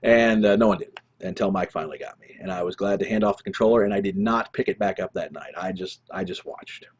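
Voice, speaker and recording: A man's voice: deep voice, fast, husky, muffled recording. A man in his thirties, a streaming show host, telling rambling gaming stories in casual chat with chuckles and restarts. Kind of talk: casual gaming story monologue.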